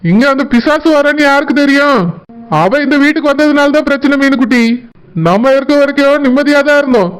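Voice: high voice, fairly even intonation, brisk, natural voice, rough recording. A voice actor playing an exasperated middle-aged village husband in a cartoon, with a Tirunelveli Tamil accent. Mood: soothing. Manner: pleading then stern, exasperated.

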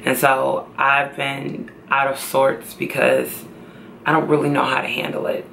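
A young woman talks to her camera at home in an unhurried, heavy drawl. Her voice is strongly gravelly yet bright in tone, tired and close to tears while she tries to sound hopeful. A faint hum of room ambience sits behind her. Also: a bass voice, little pitch movement. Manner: tired, slow and tearful, trying to stay upbeat. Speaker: pregnancy vlogger. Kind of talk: emotional personal vlog.

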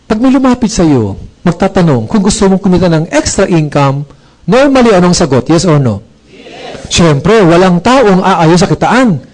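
A man with a fairly high voice working a live crowd in a motivational talk. He jokes, throws questions at the audience and acts out little scenes as he goes. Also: sing-song, normal speed, darkish tone, poor audio. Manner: joking, asks the audience questions, acts out dialogue. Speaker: speaker at a business presentation.

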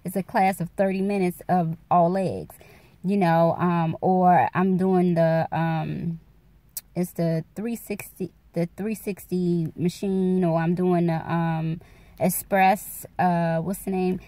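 A woman in her forties chats loosely into a phone held close, her voice sitting a little low. She rambles from thought to thought in a relaxed, candid way, talking straight to her followers. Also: slow pace, no room sound. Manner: rambling, candid, addresses viewers as y'all. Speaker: vlogger. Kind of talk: casual chat to camera. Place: dark room at night. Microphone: phone camera held close.

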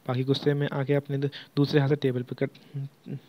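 A man's voice: mid-range voice, monotone, normal speed, no echo. A man narrating a serialized story in a plain reading style, often correcting himself mid-sentence. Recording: dull lo-fi audio.

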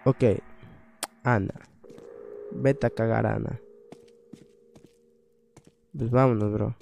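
A young man with a mellow, gravelly voice talks his way through a horror game. He thinks aloud, swears freely and bursts out loudly whenever something startles him. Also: mid-range voice, steady tone, slow, lo-fi sound, slight background noise. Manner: casual, swearing, thinking aloud, loud scared outbursts. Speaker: gaming channel host. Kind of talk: horror game let's play commentary.

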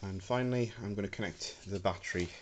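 A hobbyist prop maker, a man with a lowish voice, talks fast and hesitantly, with lots of ums, while handling his homemade electronics in a casual demo. The handheld camera mic picks him up indoors in a room with a wooden floor, against a noisy background.

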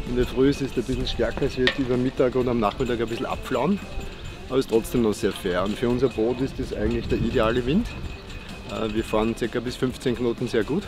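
A man, a sailor, speaking in an easygoing interview outdoors by a lake. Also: medium pitch. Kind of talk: casual interview.

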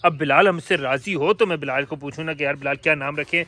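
A man's voice: on the high side, quick pace, bright, forceful tone. A man vlogging about his pet birds and animals, chatting casually to viewers and coaxing the animals, repeating "yaar" constantly.

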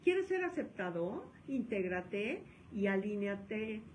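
A woman psychologist with a Mexican accent giving a lecture, animated and acting out the scolding voices of parents. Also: mid-range voice, takes it slowly, a little hiss or hum, low-quality recording.

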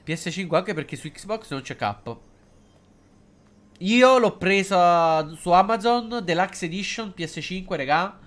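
A man giving casual, excitable and jokey live commentary while streaming a game, hesitant and halting whenever he switches into English. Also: sits high. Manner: excitable and jokey, swings between loud outbursts and mumbling.

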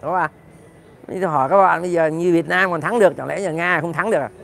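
A man's voice: fairly high pitch, quick pace, vocal fry, a bit bright. A man ranting heatedly to his viewers in a profane, direct monologue. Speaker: political commentator.

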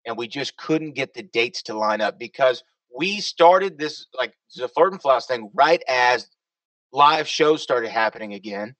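A man co-hosts a casual online chat in a mid-pitched, easygoing voice. He talks in an upbeat, chatty way. The sound is dry and picked up from slightly away from the mic. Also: expressive, unhurried, fairly bright tone, dry recording, recorded from a distance, rough recording. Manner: chatty, upbeat, introduces guests. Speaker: co-host.

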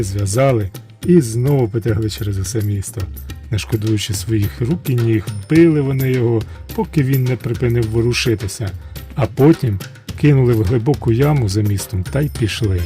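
A man narrating a folk tale in a measured, expressive way. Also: lowish voice. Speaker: storyteller. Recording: dry studio voice-over with faint music.

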